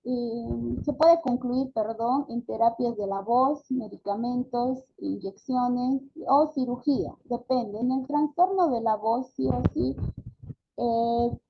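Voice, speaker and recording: A woman's voice: a little high, slow pace. A woman from Bolivia giving an online postgraduate lecture, hesitant, with many fillers and tag questions, sounding out syllables and words as examples. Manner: demonstrates syllables and words aloud. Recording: lo-fi call audio with background noise.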